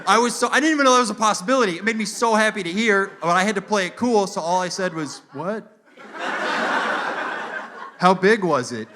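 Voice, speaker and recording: Stand-up comedian telling a story. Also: male voice, sits high, rapid-fire, hardly any pauses. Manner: animated storytelling, deadpan asides. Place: comedy stage before a live audience. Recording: live show with loud audience laughter.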